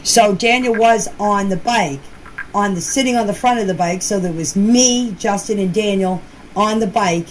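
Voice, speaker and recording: This woman speaks at a moderate pace and medium pitch, telling a loose, wandering personal story in homespun, everyday words. The audio consists of noisy voice messages with ambience in the background.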